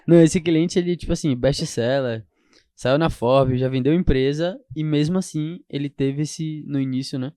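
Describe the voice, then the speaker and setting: A man from Brazil co-hosting a podcast interview, chiming in in a relaxed, casual way. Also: on the high side, moderate pace, no echo, studio quality. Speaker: podcast co-host.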